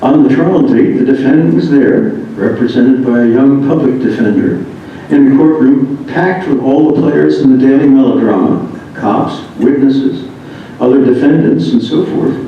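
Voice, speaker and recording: Medium-pitched and speaking at normal speed, an American man reads humorous first-person anecdotes from a memoir written by someone else, in an amused way. It's recorded in an echoey indoor room through a distant mic, sounding dull with faint noise.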